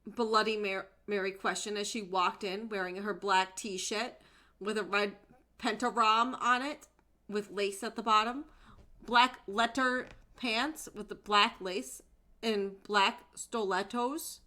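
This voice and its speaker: A woman's voice: medium pitch, steady tone, takes it slowly, bright, forceful tone. A young woman streamer giving a comedic dramatic reading of narration, often breaking into laughter. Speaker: streamer hosting a group reading.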